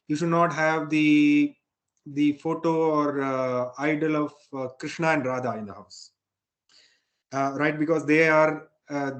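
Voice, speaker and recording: Higher-voiced man teaching informally. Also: fairly bright tone. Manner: checks in often with a questioning tag. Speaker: spiritual teacher leading a satsang.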